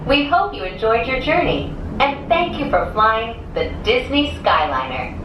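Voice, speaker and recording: A woman making a polite, measured recorded passenger announcement, played over a cabin loudspeaker inside a moving gondola. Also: a little high, very animated, far from the mic, highs cut off. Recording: echoey loudspeaker with ride noise, from afar.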